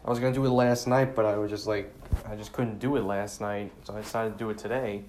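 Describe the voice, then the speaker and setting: A man's voice: lowish voice, fairly even intonation, fast talker, darkish tone, a little hiss or hum. A man hosting a solo podcast, talking casually and sincerely, sounding saddened, with lots of fillers and restarts. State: saddened, subdued. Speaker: podcast host. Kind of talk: casual solo tribute talk.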